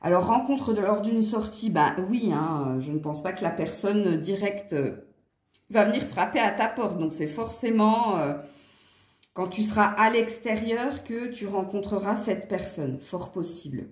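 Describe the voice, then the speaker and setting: A tired woman, worn out from poor sleep, gives her viewers a casual tarot reading in an echoey room. Her voice is medium-pitched, animated and unhurried, and her talk is chatty and hesitant with many fillers.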